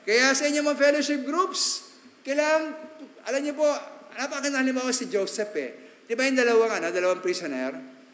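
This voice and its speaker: High bright-voiced preacher in an echoey hall. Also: male voice, fairly quick. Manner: preaching in mixed Tagalog and English, chatty asides and tag questions. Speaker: pastor. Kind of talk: sermon. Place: church sanctuary.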